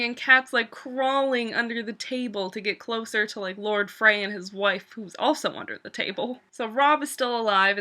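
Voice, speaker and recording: A woman's voice: on the high side, sharp tone. A woman talking through a TV episode in a casual vlog review, gushing and swearing freely, with "like" in nearly every sentence. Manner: gushing, profane, heavy use of "like".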